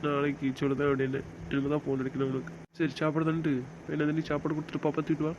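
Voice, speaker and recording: Young man with a slightly high voice. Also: completely flat delivery, very fast, highs cut off, noisy background. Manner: coaxing baby talk to his infant daughter. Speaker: young father. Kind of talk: amateur web drama acting.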